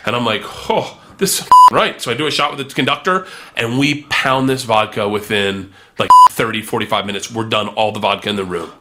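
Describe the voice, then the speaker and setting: A man telling a long story in a casual chat, animated and acting out the people in it. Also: on the low side, a little fast, few pauses, heavy background noise. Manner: animated, does voices of people in his story.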